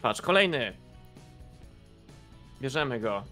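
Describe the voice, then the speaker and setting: Young male gamer, excitable and laughing, very lively pitch, faint game music underneath. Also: slow pace. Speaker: gaming YouTuber. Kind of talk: casual co-op gameplay commentary.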